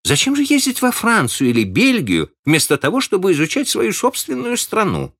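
A man reading aloud and voicing a sharp, teasing young woman with a pointed, insistent manner of questioning. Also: sits high, wildly swooping pitch, normal speed, husky, pitched above the performer's own voice, heavily acted.

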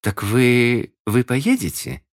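A sharp-tongued young woman presses her questions in a raised, lively voice that swings widely in pitch, as a male narrator puts her on. She sounds insistent and pointed, the way a storybook reader lifts his own low voice for her. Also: slow.

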